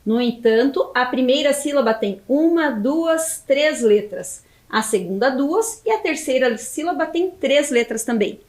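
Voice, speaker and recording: Lively high-voiced woman teaching children. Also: echoey room. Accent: Brazilian Portuguese. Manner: slow, stretched syllables when spelling out words. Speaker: primary school teacher. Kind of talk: video lesson for children.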